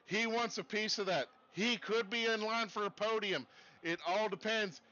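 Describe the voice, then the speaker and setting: A man commentating a sim race in a put-on Texas accent, folksy and excitable. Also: high voice, normal speed, muffled recording.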